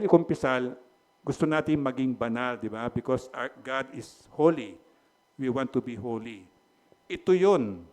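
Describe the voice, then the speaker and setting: Man preaching in conversational style. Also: medium pitch. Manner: conversational, asks the congregation "di ba?" often; jokes lightly with the congregation. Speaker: pastor. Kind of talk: sermon with closing prayer.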